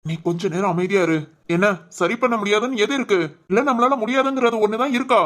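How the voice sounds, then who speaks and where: A woman playing a calm young office worker who soothes a crying friend in a firm but gentle way. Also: medium pitch, fast, close to an everyday voice. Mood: soothing.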